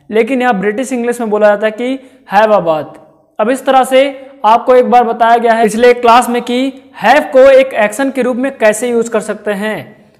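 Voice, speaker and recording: A man giving a spoken-English lesson who repeats himself and slowly draws out each example phrase. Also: high-pitched. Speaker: English teacher.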